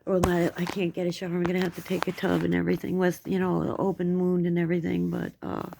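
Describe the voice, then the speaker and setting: Low-voiced, toothless middle-aged American woman. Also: monotone, fast talker, gravelly, warm tone, a little hiss or hum. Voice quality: toothless speech, no teeth in. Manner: rambling, candid, coarse-worded. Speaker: vlogger. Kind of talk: casual personal update to camera.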